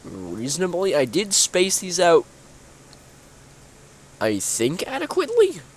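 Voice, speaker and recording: His voice sits on the high side with a sing-song lilt and a slow pace. A young gaming YouTuber, he sleepily yawns through a rambling walkthrough of something he built in a game, stumbling over fillers and restarts.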